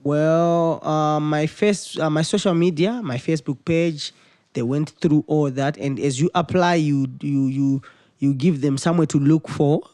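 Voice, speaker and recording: A man, a musician answering interview questions in a halting way and repeating words as he searches for phrasing. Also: a little high, steady tone, darkish tone, no room sound, clean studio sound. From Zimbabwe. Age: 20s. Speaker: musician guest.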